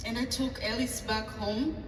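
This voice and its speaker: A woman's voice: a little high, fairly even intonation, a little slow, background noise. A woman pastor with a Tanzanian accent telling a personal story at a table talk, acting out dialogue with hesitant fillers. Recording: echoey hall from far off, faint ambience.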